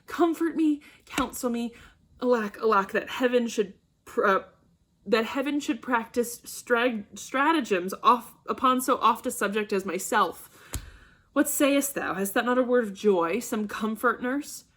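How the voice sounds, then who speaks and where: Brief: woman voicing a young teen daughter, soft and pleading, play reading. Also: a little high, a little slow.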